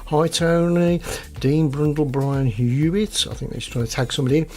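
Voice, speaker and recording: A man's voice: on the high side, normal speed, a little mellow. A man co-hosting a podcast, reading out viewer comments in a jokey, chatty way. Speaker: podcast co-host.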